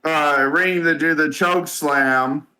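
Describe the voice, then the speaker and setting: Bright, halting man swearing through a recap. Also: a little high, fairly even intonation, poor audio. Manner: halting, many "uh" and "freaking", swears. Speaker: wrestling reviewer. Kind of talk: casual podcast chat.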